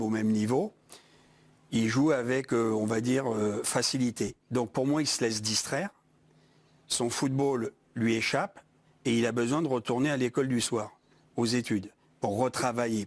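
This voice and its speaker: A man's voice: medium pitch, no echo. A man, a football pundit in a TV studio debate, giving firm opinions.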